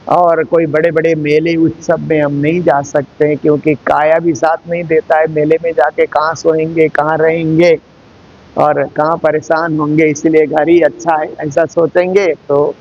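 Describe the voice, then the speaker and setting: Slow, measured male spiritual teacher. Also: a little high, darkish tone, lo-fi sound. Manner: slow, measured, repeating phrases for emphasis. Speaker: spiritual teacher giving a scripture discourse. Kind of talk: devotional discourse.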